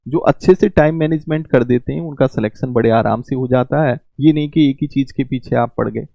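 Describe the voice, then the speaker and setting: A man's voice: mid-range voice, a little fast, creaky, dry recording. A man teaching an exam coaching class online, giving fatherly advice and calling his students "beta", repeating his points to drive them home. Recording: dull lo-fi mic.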